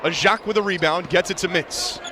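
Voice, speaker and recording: A man calls a basketball game live from courtside in a large indoor venue, his voice pitched high and his pace moderate. He follows the play moment by moment with terse, vivid description. Heavy crowd noise and the thump of a basketball are audible behind him.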